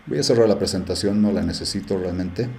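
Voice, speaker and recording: A man's voice: deep voice, brisk, darkish tone, echoey room. A man teaching a live class, chatty, with many fillers and often checking in with the students. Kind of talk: live class screen-share tutorial.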